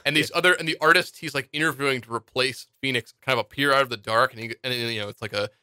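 A man's voice: mid-range voice, steady tone, fast talker, sharp tone, smooth, no room sound, studio quality. A man on a podcast giving a rambling, casual recap of a film's plot, with many "like"s. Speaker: podcast co-host. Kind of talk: casual chat.

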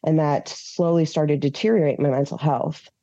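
A woman from Minnesota, appearing as a podcast guest and the founder of an advocacy group, candidly tells her personal story in an interview, open and earnest, with fillers and restarts. Her voice is deep, dark and steady, at a moderate pace. The sound is lo-fi, with no room sound.

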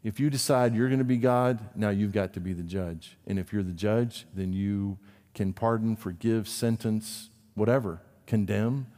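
A man preaching a sermon as pastor, swinging from emphatic high peaks down to low, quiet asides. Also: fairly even intonation, normal speed, long reverb tail. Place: church sanctuary.

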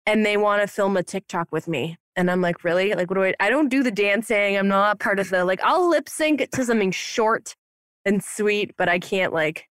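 A Romanian woman in her thirties, a dental hygienist who owns her practice, chats playfully on a podcast from her upstairs office there, heavy on slang and "like." Her medium-pitched, slightly bright voice moves at a moderate pace, recorded with studio quality and no room sound.

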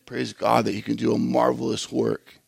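Guy preaching a sermon, kinda gravelly, talks easy and earnest, dry sound. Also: medium pitch, little pitch movement, moderate pace, no room sound. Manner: earnest, conversational preaching with repetitions. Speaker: pastor.

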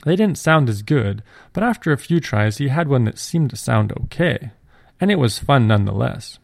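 A man hosting and gently reading a scripted story aloud at a measured pace. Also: medium pitch, very animated, vocal fry, no echo, clean studio sound. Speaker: storyteller and podcast host.

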